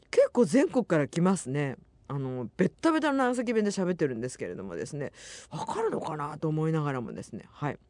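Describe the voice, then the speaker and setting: Lively, chatty woman radio host. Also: low-pitched, no echo. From Nagasaki, Japan. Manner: friendly, rambling, with soft laughs. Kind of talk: chatty radio talk reading listener mail. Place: radio studio.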